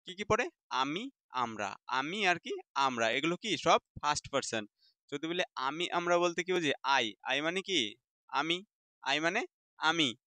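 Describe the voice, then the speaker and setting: A man's voice: a little high, pushed and bright, no room sound. A man teaching English grammar in Bengali, asking questions and answering them himself, repeating key terms. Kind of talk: classroom lesson in Bengali.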